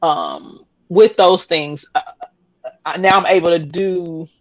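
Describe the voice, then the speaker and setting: A woman's voice: fairly low pitch, takes it slowly, no echo, dull audio. A woman in her thirties, a podcast guest telling her story candidly, rambling with many fillers and restarts and laughing often. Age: 30s.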